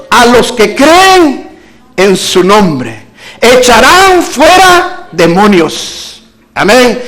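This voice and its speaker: A man preaching a sermon as pastor, moving between emphatic declarations and hushed low asides.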